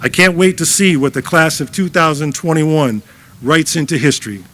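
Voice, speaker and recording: A man's voice: fairly high pitch, moderate pace, background noise. A retired male teacher giving a joking, heartfelt graduation address into a podium microphone outdoors. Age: older.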